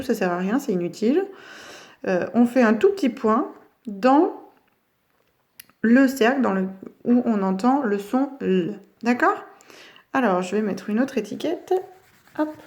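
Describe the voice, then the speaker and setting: A woman teacher giving a phonics lesson to young children, stretching each word slowly as she says it. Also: on the high side, a little mellow. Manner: slow, drawn-out words for children.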